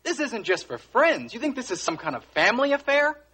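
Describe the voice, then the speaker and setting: Casting: a domineering son, bright, animated delivery, soap drama. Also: male voice, very high-pitched, fairly quick, husky, full character voice, rough recording. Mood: demanding. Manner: forceful, domineering, shouting at times. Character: scheming grown son, pushy and demanding. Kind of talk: television soap drama acting.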